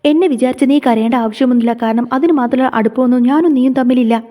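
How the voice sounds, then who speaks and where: A woman reading the lines of an angry, bedridden young husband in a serial retelling, in her own quick voice. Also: extremely high pitch, mellow, in a large hall. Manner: resentful, lashing out.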